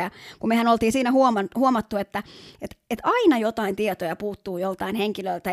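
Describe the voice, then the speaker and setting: Slightly high-voiced woman telling anecdotes. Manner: storytelling, with fillers and small restarts. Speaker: podcast co-host. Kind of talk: casual conversational podcast.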